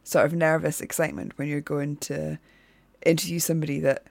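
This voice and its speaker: A woman's voice: low-pitched, flat delivery, brisk, vocal fry, a little mellow, no echo. Shetland-accented woman hosting, close dry sound. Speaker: podcast host. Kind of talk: reflective chatty narration to listeners.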